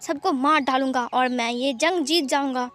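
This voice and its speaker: A woman's voice: high voice, moderate pace, fairly bright tone. A woman voicing a grown man who talks and whines like a five-year-old boy, in a fan fiction reading. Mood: childish. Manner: whiny, sobbing over a broken toy.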